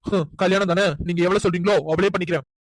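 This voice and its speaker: A rapid-fire, hot-headed cartoon young man, as a performer voices him, possessive and demanding, speaking in a mid-pitched voice. The recording is dry and close. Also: steady tone, no room sound, close to an everyday voice, poor audio. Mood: angry. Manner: shouting, demanding. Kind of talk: cartoon voice acting.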